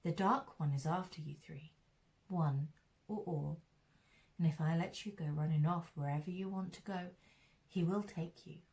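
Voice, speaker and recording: A woman voicing a commanding sorceress who speaks calmly, levelly and with quiet menace. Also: on the low side, moderate pace, natural voice. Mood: cold. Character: cold, commanding female sorceress.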